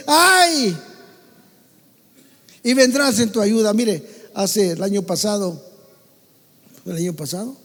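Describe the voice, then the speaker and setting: A man with a Mexican Spanish accent preaching a sermon to his congregation, swinging between loud calls and soft asides. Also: high voice, big-room sound. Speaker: pastor. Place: church hall.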